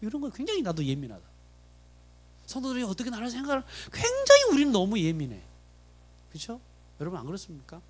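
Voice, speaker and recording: A man's voice: high-pitched, wildly swooping pitch, quick pace, long pauses. A man preaching a sermon as pastor at a Friday prayer meeting in a church, often putting questions to the congregation. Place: church sanctuary.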